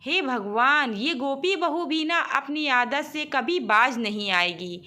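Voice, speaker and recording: A woman's voice: high-pitched, lively intonation, slow pace, bright, forceful tone, heavily acted. A woman voicing a scolding older mother-in-law in a storybook tale, nagging and exasperated.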